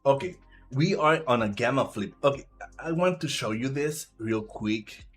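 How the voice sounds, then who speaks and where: A man from Puerto Rico with a Puerto Rican Spanish accent and Spanish as his first language, giving halting live trading commentary while he reads the chart aloud. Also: mid-range voice, expressive, slightly rough, soft background music. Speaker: live trader.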